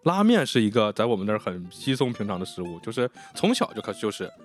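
Lively, quick-talking man chatting casually. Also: on the low side, soft background music. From Northeast China. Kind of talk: casual chat, personal storytelling.

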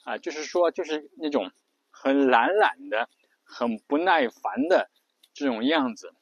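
A man casually explaining a speech habit, rambling with many fillers and stopping to demonstrate creaky, drawn-out word endings. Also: medium pitch.

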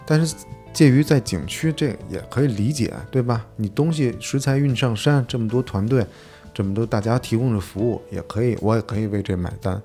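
A man, co-hosting a podcast and telling a story in lively casual chat, acting out an argument. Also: mid-range voice, brisk, faint music behind. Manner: animated storytelling, acting out an argument with restaurant staff. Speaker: podcast co-host.

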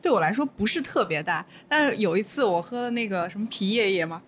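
A woman's voice: mid-range voice, expressive, quick pace, a bit bright, a little hiss or hum. A woman in a casual podcast chat who thinks aloud and hesitates as she talks. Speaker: podcast guest.

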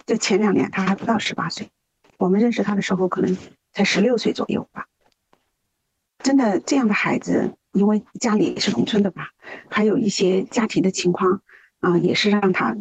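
A woman's voice: medium pitch, a little mellow, slightly rough, dry recording, rough recording. A woman volunteer guest in a podcast interview, telling a case story earnestly with hesitant fillers.

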